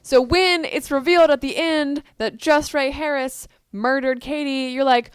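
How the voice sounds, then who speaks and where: A woman co-hosting a casual chat, retelling story details with animated emphasis. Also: high voice, a little slow, no room sound, clean studio sound. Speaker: co-host. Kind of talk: casual discussion of book versus film.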